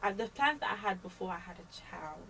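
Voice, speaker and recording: A woman's voice: on the low side, expressive, fast talker, a bit bright, recorded from a distance, slight background noise, poor audio. A young woman, a guest chatting and laughing about motherhood. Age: young adult. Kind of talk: casual chat.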